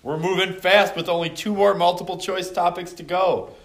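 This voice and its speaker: A man's voice: high-pitched, steady tone, normal speed. A middle-aged man teacher running a joking review quiz with his class, calling on students by name. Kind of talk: casual classroom review chat. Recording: echoey classroom with faint noise.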